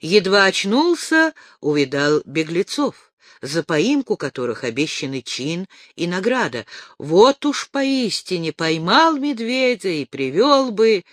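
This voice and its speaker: An audiobook narrator reading a folk tale in an expressive storytelling manner. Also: medium pitch, a little slow, no room sound, studio quality. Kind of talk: scripted narration.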